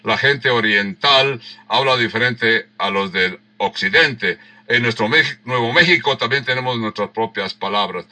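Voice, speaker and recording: A man's voice: medium pitch, pushed and bright. A man, preaching a sermon and teaching verse by verse. He rereads the passage and explains words with emphatic repeats. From Mexico. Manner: unhurried, rereads verses and acts out the quoted lines. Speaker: pastor.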